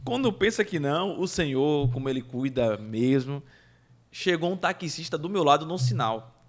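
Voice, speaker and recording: A man chats as a podcast guest, spinning anecdotes with energy and frequent laughter. His voice sits a bit high for a man. He tells the stories in a relaxed, conversational way. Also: normal speed. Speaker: podcast guest, event producer. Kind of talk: casual storytelling chat.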